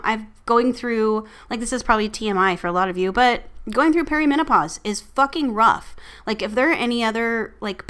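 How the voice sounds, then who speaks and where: A woman's voice: mid-range voice, a bit bright, clear, resonant tone. A woman in her forties hosting her own podcast, talking candidly and casually, swearing freely and laughing at herself. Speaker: podcast host. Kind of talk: casual solo podcast talk.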